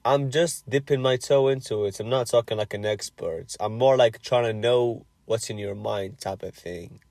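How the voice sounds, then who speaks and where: A man's voice: mid-range voice, normal speed, creaky, a little mellow, no echo. A man in his twenties from Algeria, chatting with strangers online in a blunt, curious way and swearing freely. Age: 20s. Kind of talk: casual chat.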